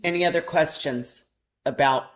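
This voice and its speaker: Low-voiced woman leading a training session. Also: moderate pace. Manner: conversational, explains step by step. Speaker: real estate trainer. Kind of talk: training presentation.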